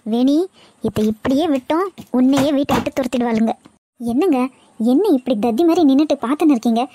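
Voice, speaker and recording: An indignant cartoon mother nags and rails in a high voice, voiced by a woman. She sounds pushy and fiercely protective. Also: brisk, dark tone. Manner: indignant, nagging.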